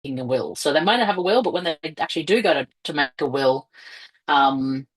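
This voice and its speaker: Low-voiced woman on a choppy, breaking-up video call. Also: animated, fairly quick, poor audio. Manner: explanatory, with frequent fillers. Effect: choppy, breaking-up internet call audio. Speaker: fundraising presenter. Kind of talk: online webinar presentation. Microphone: headset on a video call.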